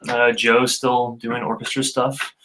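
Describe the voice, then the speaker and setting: A man's voice: mid-range voice, flat delivery, a little slow. Laughing, rambling man in a noisy studio. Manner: laughs often, rambling with restarts. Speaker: band member hosting a studio livestream. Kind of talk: casual livestream chat. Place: recording studio with drums being tracked.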